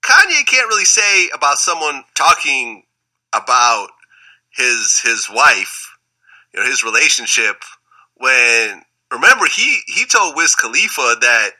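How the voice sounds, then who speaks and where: Very bright-voiced man chatting in an interview. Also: medium pitch, very animated, measured pace, rough recording. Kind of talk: casual interview chat.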